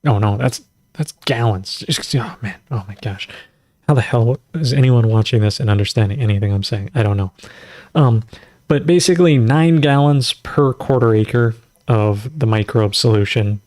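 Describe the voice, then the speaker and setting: This natural farming livestream host rambles through a casual Q&A, reading recipes aloud and frequently fumbling numbers and foreign words with self-deprecating remarks. His voice is mid-range and darkish, at a normal speed, in a dry recording.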